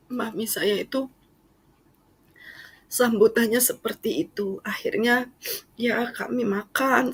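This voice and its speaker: Middle-aged woman with a husky voice, telling a church testimony casually. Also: fairly high pitch. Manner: lively storytelling with casual fillers. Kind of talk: personal testimony.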